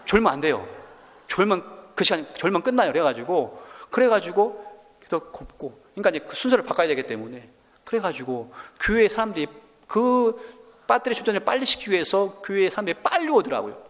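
A man in his forties from South Korea, a missionary giving his testimony during a church service. He tells his story in an animated way, and his voice rises when he is moved. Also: fairly high pitch, long reverb tail.

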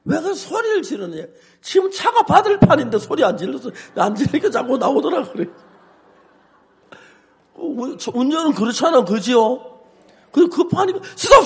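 An older man, a pastor, preaching with humor and telling animated stories, acting out his own shouts and both sides of a quarrel. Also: extremely high pitch, gravelly. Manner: animated storytelling, acts out shouts. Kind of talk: humorous sermon.

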